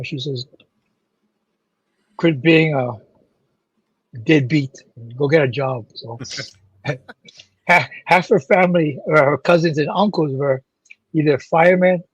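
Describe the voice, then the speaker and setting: Easygoing middle-aged Hawaiian guest, husky and a bit high, on a dull lo-fi remote line. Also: male voice, no echo. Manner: friendly, easygoing storyteller. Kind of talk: casual podcast chat.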